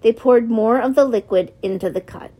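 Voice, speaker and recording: A woman's voice: on the high side, normal speed, mellow, breathy edge. A woman reading a novel aloud as an audiobook narrator, giving the characters slight shifts in voice.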